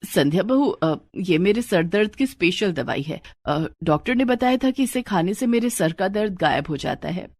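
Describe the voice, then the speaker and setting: A nervous, stammering mother-in-law in a cartoon story, as a woman narrator puts her on. Her voice sits lower than the narrator's and sounds close and dry. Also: expressive, moderate pace, hardly any pauses, a little mellow, dry recording. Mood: sheepish. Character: fretful older mother-in-law, flustered.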